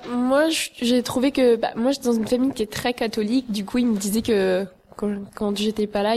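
A woman's voice: fairly high pitch, a little mellow, slight background noise. A woman student guest telling her experience hesitantly, with many fillers.

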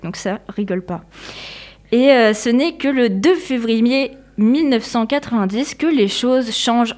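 A woman's voice: a little high, a little mellow. Chatty woman presenting a history segment. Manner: chatty, explanatory, many hesitations. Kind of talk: casual spoken history presentation.

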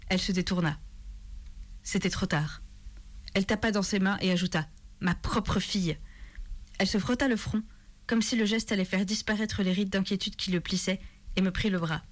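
A woman giving a steady, measured first-person literary reading as a reader of fiction. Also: medium pitch.

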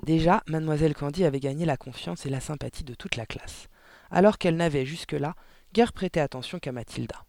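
Expressive high-voiced male audiobook narrator. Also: brisk, creaky, no room sound. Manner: expressive storytelling with character voices.

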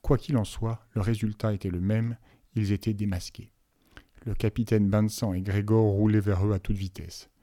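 A man reads a novel aloud in a low voice, with even, measured storytelling. The recording is dry and close with no room sound. He keeps a steady pace through the tense passages. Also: no room sound. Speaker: audiobook reader. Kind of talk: audiobook narration of a novel.

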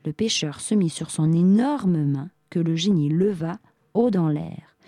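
A woman narrating a fairy tale in a calm, even storytelling manner. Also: fairly low pitch, measured pace, dry recording, clean studio sound.

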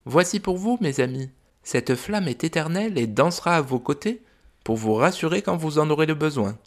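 A man voicing a gentle, caring mother dragon in a children's audio story, soft and reassuring. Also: a little high, lively intonation, moderate pace, voice pushed up. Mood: grateful.

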